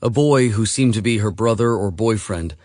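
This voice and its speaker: A man narrating an audiobook in a measured, steady reading voice. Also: fairly low pitch, no room sound, studio quality. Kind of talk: scripted narration.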